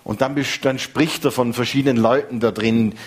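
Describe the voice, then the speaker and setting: Husky preacher in his fifties. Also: mid-range voice, normal speed. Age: 50s. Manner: conversational, lively preaching with restarts. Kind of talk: sermon.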